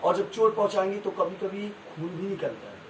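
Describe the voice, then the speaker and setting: A man's voice: high-pitched, sing-song, a little fast. A male school science teacher giving a classroom lesson, asking the class questions and having them repeat answers, with homely examples. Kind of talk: classroom lesson with call-and-response. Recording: echoey room, far from mic, noisy.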